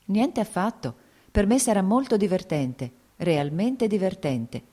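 A woman's voice: lowish voice, expressive, moderate pace, warm tone, pitched above the performer's own voice. A woman voicing Lievin, a brooding, jealous young landowner in a read-aloud novel, speaking tersely and with resolve. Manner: terse, sulky, then resolute.

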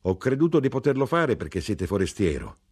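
A man reading aloud voices an earnest, whimsical male knife grinder with a husky, raised voice and lively, swooping delivery. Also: on the low side, a little fast, pitched above the performer's own voice. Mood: apologetic. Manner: wondering, musing, bursts of exclamation.

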